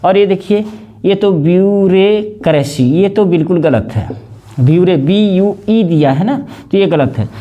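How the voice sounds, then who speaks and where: A man with a Hindi accent teaching English spelling, slowly repeating each word and spelling it out letter by letter. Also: sits high, animated, lo-fi sound. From India. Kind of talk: spelling lesson, explaining word by word.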